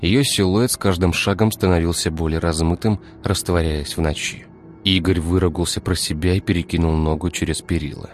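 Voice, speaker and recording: A man narrating an audiobook in a measured, even storytelling manner. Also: low voice, faint music behind.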